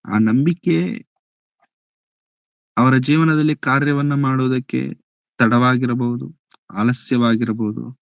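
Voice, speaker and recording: A man from Karnataka preaching a sermon, asking rhetorical questions and repeating phrases, with his pitch climbing when he presses a point. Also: steady tone, slow, vocal fry, long pauses, no echo. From Karnataka, India.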